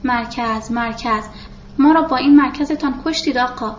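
A woman's voice: high voice, slight background noise, close to an everyday voice. A woman reading the lines of an impatient, exasperated male army captain, in a roomy, dull lo-fi recording.

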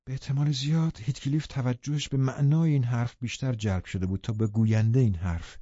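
A man narrating an audiobook in a steady, even storytelling manner. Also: medium pitch, no room sound, dull audio. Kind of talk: scripted narration.

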